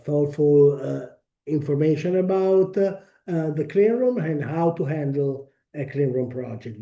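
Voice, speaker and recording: Italian guy giving a webinar, real dark mellow voice, slow and halting. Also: on the high side. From Italy. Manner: halting, many fillers and restarts. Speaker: webinar presenter. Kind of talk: technical webinar presentation.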